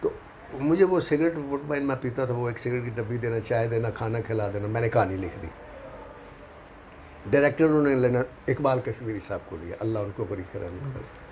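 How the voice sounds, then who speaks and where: An older man from Pakistan with a Punjabi accent. He is a film writer being interviewed, and he tells anecdotes in a lively way, acting out the people he quotes. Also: mid-range voice, fairly quick, a little hiss or hum. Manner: animated, acts out the people he quotes. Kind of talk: anecdotal storytelling.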